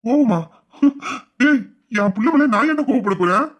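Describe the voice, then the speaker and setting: A man doing a gentle, soothing old father. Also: very high voice, animated, moderate pace, breathy edge, exaggerated voice. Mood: soothing, fond. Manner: warm, soothing, reassuring with hesitant fillers. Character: gentle, loving older father comforting his son. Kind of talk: audio drama acting.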